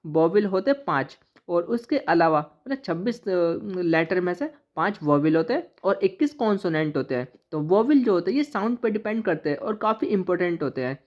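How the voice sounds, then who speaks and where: A woman teaching an English pronunciation lesson who spells out letters and then says each word slowly and deliberately. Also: on the low side. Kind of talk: classroom-style lesson explaining pronunciation. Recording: slightly dull, lo-fi recording.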